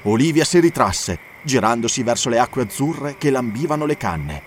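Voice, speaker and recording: A man reading an audiobook in steady, measured scripted narration. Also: medium pitch, a little hiss or hum.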